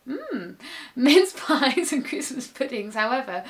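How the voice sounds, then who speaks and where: A woman's voice: high-pitched, sing-song, takes it slowly. A woman, chatting casually to camera from her home desk and laughing often. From England. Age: 20s. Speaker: vlogger.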